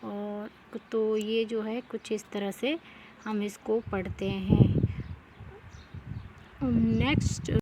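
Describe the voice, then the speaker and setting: A woman's voice: mid-range voice, flat delivery, very slow, pauses often, heavy background noise. A woman teaching English pronunciation rules, repeating each rule and asking the class questions.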